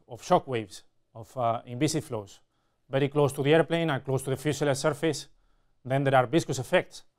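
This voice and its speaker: Clear-voiced man lecturing, halting and explanatory. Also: medium pitch. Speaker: university lecturer. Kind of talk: technical lecture at a whiteboard with slides. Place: indoor classroom or studio with whiteboard.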